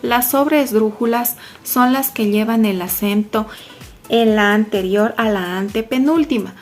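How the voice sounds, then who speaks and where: A young woman reading a student class presentation in a measured way, listing examples. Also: fairly high pitch, faint music behind. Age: young adult.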